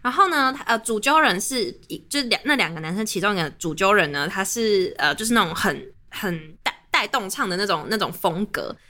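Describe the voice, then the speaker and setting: A young woman with a Taiwanese Mandarin accent tells a story quickly and vividly. Her pitch swings widely, and her voice is bright and forceful. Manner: animated, chatty storytelling. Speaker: podcast host. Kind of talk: casual storytelling chat.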